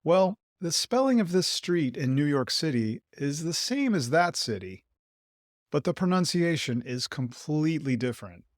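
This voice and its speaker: A man narrating an English lesson in a clear, measured, explanatory way. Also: a little high, sing-song, no echo, studio quality. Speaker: podcast host teaching English.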